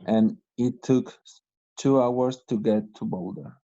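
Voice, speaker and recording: Male student, slow hesitant reader, mellow tone, lo-fi video call sound. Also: mid-range voice, steady tone. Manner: hesitant reading aloud, asks about words.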